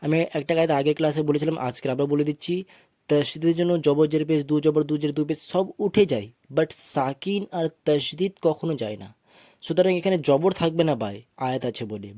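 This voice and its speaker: A man teaching Quran reading, slowly spelling out syllables and chanting short recited phrases in a patient classroom manner. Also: on the high side, dark tone, dry recording, clean studio sound. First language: Bengali. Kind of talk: tajweed lesson, spelling out and reciting verses.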